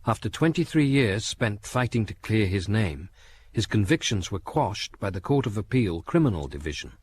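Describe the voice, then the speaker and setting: A man's voice: lowish voice, sing-song, moderate pace, slight background noise. A man reading a formal, matter-of-fact narration of case facts.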